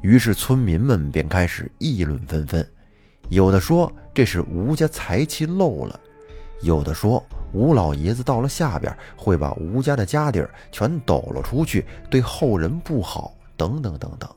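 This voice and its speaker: A storytelling host tells a folk tale in the first person, his lively, animated narration delivered at normal speed in a fairly low voice. Faint music plays in the background.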